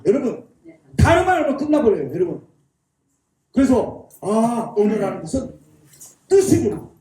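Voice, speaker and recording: A man's voice: high-pitched, sing-song, brisk, mellow. A man giving a public lecture at a church, drilling his audience in call-and-response and chuckling as he talks. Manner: folksy, chuckling delivery. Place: church hall. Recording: echoey hall, mic at a distance.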